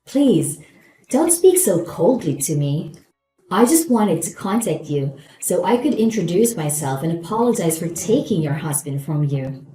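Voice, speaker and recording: A woman's voice: lowish voice, sing-song, unhurried, mellow, roomy sound, soft background music, low-quality recording. A woman acting a gloating, falsely polite new wife in a scripted story, with a saccharine, condescending manner. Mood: smug.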